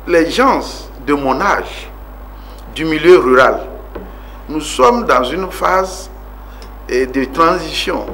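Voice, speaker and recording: A man's voice: a little high, a bit bright, a little hiss or hum. A man in his forties from Togo, a politician being interviewed on TV about his life, speaking earnestly with many fillers and rising emphasis. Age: 40s. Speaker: guest politician.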